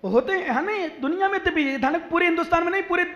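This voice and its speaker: Man, monk's sermon, very high bright voice, emphatic storytelling, roomy echo, long hall reverb. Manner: emphatic storytelling, swings from low and slow to loud and high. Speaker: Jain monk preacher.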